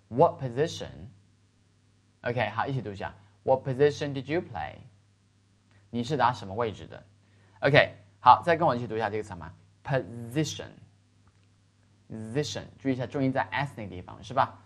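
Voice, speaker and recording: A man teaching an English lesson, explaining in Chinese, spelling words letter by letter and having learners repeat after him. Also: lowish voice.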